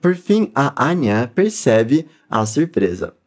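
A man with a Brazilian Portuguese accent leading a pronunciation lesson, encouraging learners and modelling words slowly for them to repeat. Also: medium pitch, sing-song. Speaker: language teacher.

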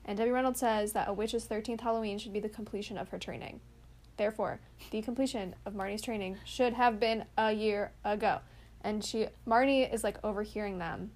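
A woman co-hosts a casual podcast, walking through a movie's scenes in order. She drops dry, wry remarks along the way. Her voice sits at an ordinary middle pitch. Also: steady tone, fairly quick, a little mellow. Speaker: podcast co-host. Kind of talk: casual chat recapping a movie.

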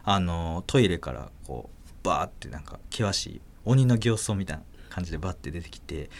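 A man with a Kansai accent, hosting a podcast and telling a story in a casual, animated way, acting out voices and laughing often. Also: low voice, fairly quick, vocal fry. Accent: Kansai Japanese. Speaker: podcast host.

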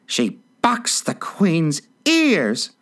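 A man voicing a timid, anxious rabbit who speaks in a low, hurried, frightened hush. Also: wildly swooping pitch, heavily acted. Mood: nervous hush.

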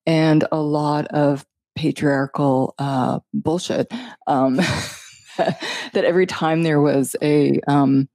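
A middle-aged woman telling her personal story in a podcast, halting with many fillers and a wry edge. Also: low voice, fairly even intonation, dark tone, dry recording. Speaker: guest.

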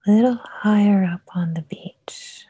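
A woman whispering a guided meditation, soft and soothing with long pauses. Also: medium pitch, slightly rough, no room sound, poor audio.

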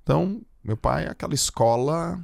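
Gravelly-voiced Brazilian man telling stories. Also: fairly high pitch, normal speed, dry recording, clean studio sound. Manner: slangy, animated, acts out quoted voices. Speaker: guest. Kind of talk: casual storytelling on a podcast.

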